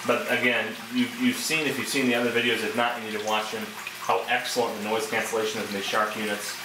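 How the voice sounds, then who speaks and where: This man talks quickly in a lowish, flat voice, walking through a product step by step in a relaxed, conversational demo and review. The mic sits far away, so the recording is echoey, with background noise plainly audible.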